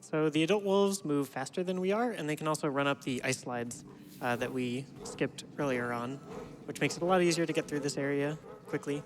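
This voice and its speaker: A man's voice: fairly high pitch, fairly quick, poor audio. A man co-commentating casually on a live game speedrun in a playful, gushing, informal way.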